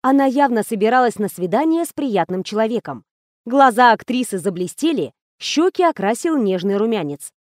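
A woman's voice: on the high side, big pitch swings, moderate pace, darkish tone, no room sound, studio quality. Woman narrating an audiobook. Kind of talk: scripted narration.

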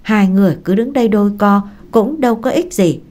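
A woman voicing a gentle young village girl who pleads and soothes. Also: mid-range voice, a little fast, natural voice. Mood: pleading.

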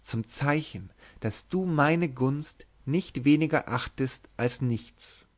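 A man's voice: medium pitch, takes it slowly. A man reading a coy, teasing young noblewoman. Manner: lisping, coy whisper.

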